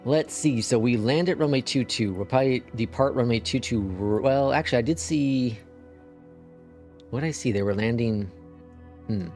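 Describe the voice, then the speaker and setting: A man streams a flight simulator in a Midwestern accent from the Upper Midwest, Minnesota or North Dakota, chatting casually and muttering to himself as he works the controls. His mid-range voice has a darkish tone and moves at a normal speed, with some mild swearing. Soft music plays behind this casual live-stream commentary.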